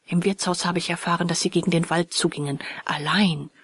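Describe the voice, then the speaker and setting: A woman voicing an older male professor who speaks in a low, measured, soothing way. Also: steady tone, breathy edge. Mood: reassuring.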